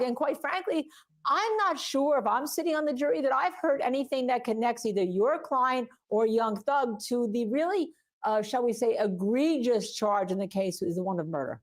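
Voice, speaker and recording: A woman with a somewhat high voice interviews a guest for legal news. Her questions are long and halting, built up in several clauses.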